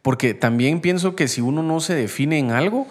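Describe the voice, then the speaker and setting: A man's voice: a little high, expressive, moderate pace. A young man, talking animatedly about faith and acting out the voices he quotes. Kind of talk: faith-based conversational talk.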